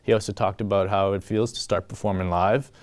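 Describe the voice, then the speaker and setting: A man reporter introduces his story in a relaxed, friendly manner, reading from a script. His voice sits a little low. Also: fairly quick.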